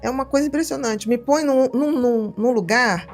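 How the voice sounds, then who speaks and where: Animated middle-aged Rio storyteller woman. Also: on the high side, normal speed, faint music behind. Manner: animated storyteller, acts out quoted voices. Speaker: psychiatrist guest. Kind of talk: casual podcast conversation, storytelling.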